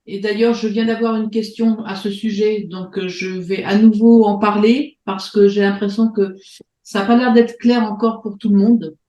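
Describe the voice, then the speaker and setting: Femme, animatrice de réunion en ligne, voix douce et feutrée, hésitante, son d'appel vidéo qui résonne. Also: female voice, medium pitch, level tone, normal speed, warm tone, echoey room, lo-fi sound. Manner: hesitant, many fillers and restarts. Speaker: host of an online meeting. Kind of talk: casual presentation on a video call. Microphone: video call.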